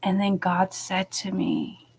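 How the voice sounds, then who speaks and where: A young woman telling a personal story in a soft, hesitant way, with many pauses and fillers. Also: medium pitch, sing-song, creaky, slightly rough. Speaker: vlogger. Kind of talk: personal testimony.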